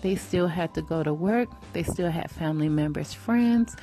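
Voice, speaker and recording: Earnest woman in her forties, mellow voice. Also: low-pitched, normal speed, faint music behind. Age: 40s. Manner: earnest, preacherly, repeats phrases for emphasis. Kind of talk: faith-based motivational talk.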